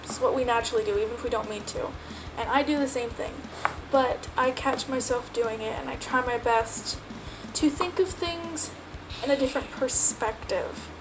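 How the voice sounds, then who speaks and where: Speaking at a normal speed in a slightly high voice, a young Texan vlogger chats and rambles at home for a get-to-know-me video. She has a light American accent with a mild Texas flavor, laughs frequently, and the background is noisy.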